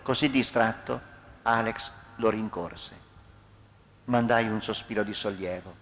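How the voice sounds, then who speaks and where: A man narrating a true testimony as an expressive dramatic reading. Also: on the low side, a little slow. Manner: expressive, acts out quoted lines.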